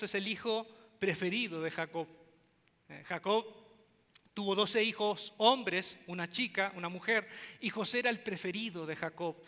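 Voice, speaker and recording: A man with a Mexican accent preaching a sermon as pastor, animated and joking as he tells stories. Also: high voice, big-room sound. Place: church auditorium.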